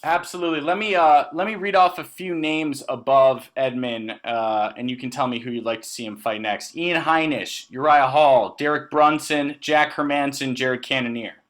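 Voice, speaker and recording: A man co-hosting a casual sports podcast, animated and prone to hesitant restarts as he leads each segment. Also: medium pitch, moderate pace, hardly any pauses. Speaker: podcast co-host.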